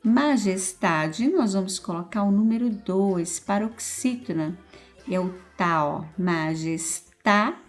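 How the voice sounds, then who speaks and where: A woman's voice: mid-range voice, expressive, soft background music. Patient Brazilian woman teacher. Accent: Brazilian Portuguese. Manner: slow, patient, stretches key words, often adds "então" and "ó". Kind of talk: correcting school exercises aloud.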